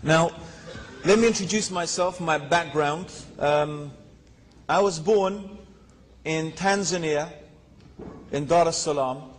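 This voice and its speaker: A man telling his personal story in a religious talk, measured and pausing with fillers. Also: fairly high pitch. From England. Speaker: guest speaker. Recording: reverberant lecture hall.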